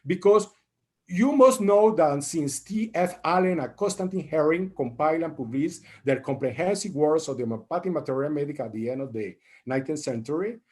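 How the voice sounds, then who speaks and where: A man's voice: a little high, animated, brisk, a little mellow. A man giving an earnest, prepared talk over a video call, stressing key words. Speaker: guest speaker.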